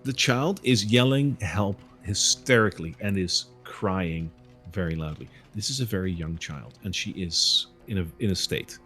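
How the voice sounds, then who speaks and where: A man narrating a tabletop role-playing game as game master, telling the scene in an animated way. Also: low voice, measured pace, soft background music.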